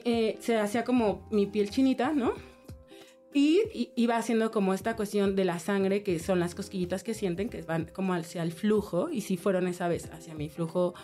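A young woman co-hosts a casual talk podcast, sharing a personal story with candor and laughter. Her voice sits in the mid range and has a dark tone.

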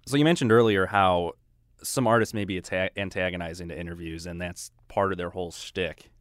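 Young man with a deep voice, asking questions. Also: fairly even intonation, a little fast, no room sound, clean studio sound. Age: young adult. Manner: asks long, thoughtful questions. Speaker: co-host interviewer. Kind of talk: casual interview chat.

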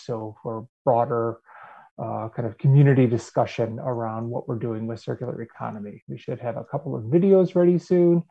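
A man's voice: mid-range voice, muffled recording. A man speaking informally as a committee member, giving updates and asking questions at a meeting.

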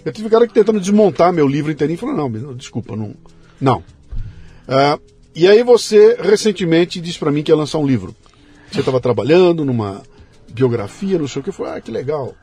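Man, podcast host, mellow dark voice, relaxed chat. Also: fairly high pitch, fast talker, soft background music.

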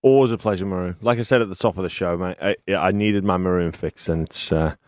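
An Australian man with a fairly low voice chats casually on a sports radio panel. The sound is close and dry. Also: fast, darkish tone, no room sound.

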